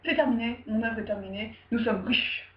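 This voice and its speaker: A woman's voice: fairly high pitch, normal speed, slight background noise, natural voice. Woman as proud architect dad, chatty and plain, roomy dull recording. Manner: casual and chatty. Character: proud male architect father.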